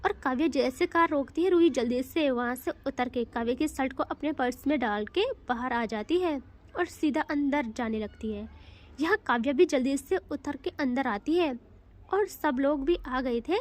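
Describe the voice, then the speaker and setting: A woman narrates a romantic audio story in a casual, chatty way, dropping conversational asides to the listener. Her voice sits high. She reads close to the mic. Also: moderate pace.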